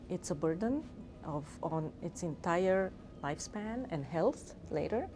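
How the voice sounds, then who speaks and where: A middle-aged woman from Romania speaks earnestly about her work as a physician and researcher. Her voice sits slightly low and has a mellow, warm tone. She pauses on fillers and restarts her phrases, and faint music plays behind her. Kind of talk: interview talk.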